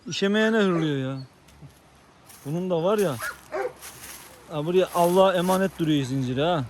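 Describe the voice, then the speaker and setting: Excitable man coaxing dogs outdoors. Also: sits high, normal speed, slight background noise. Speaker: vlogger. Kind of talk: casual outdoor vlog with dogs.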